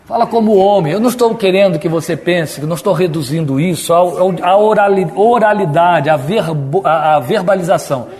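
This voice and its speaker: A Brazilian pastor with a somewhat high voice teaching a Bible study. He talks to the congregation in an easy, conversational way. He slips into mock-solemn prayer voices to poke fun at them. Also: fairly quick, hardly any pauses, darkish tone. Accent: Brazilian Portuguese. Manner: conversational, mimics stiff pompous prayer voices.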